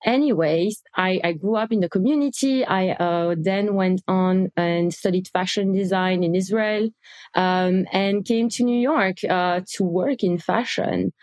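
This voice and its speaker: A woman talks eagerly as an interview guest, often repeating words while she searches for the next thought. Her pitch sits in the middle range, and the recording is dry and close. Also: a little slow, darkish tone, no room sound. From Belgium. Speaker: company CEO guest. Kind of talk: casual interview conversation.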